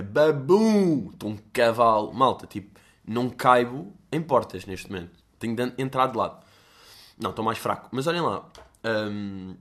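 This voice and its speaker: A man's voice: mid-range voice, a bit bright. A young man with a European Portuguese accent, hosting a casual solo podcast in a rambling, self-mocking way with plenty of swearing. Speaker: podcast host.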